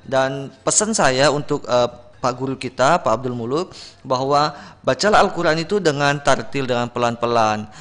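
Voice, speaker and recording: A man giving patient, corrective feedback on Quran recitation on a radio program, slowly sounding out each word. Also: medium pitch, a bit bright.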